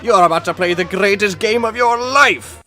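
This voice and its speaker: A man voicing a manic, showy game show host in the manner of a booming prize announcer. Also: normal speed, bright, forceful tone, soft background music.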